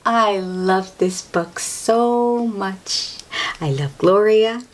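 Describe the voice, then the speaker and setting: Reading a children's picture book to young listeners, a woman with a mid-range voice draws out her words. As the storybook host, she sprinkles in exclamations and chatty asides.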